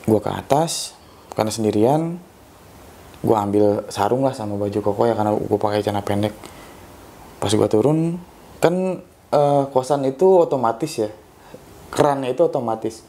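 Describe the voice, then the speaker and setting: A young man with telling a ghost story in a casual, loose way, often pausing with hesitations. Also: on the low side, animated, dark tone, a little hiss or hum. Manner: loose and rambling, with frequent hesitations. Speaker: guest storyteller.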